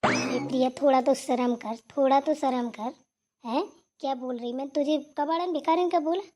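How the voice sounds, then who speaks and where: A woman's voice: sits high, normal speed, darkish tone, lightly acted. A woman voicing a rude, lazy younger sister-in-law in a cartoon, who snaps bluntly and keeps asking "right?". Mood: defiant. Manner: blunt, scolding, repeats "theek hai na". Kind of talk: cartoon voice acting.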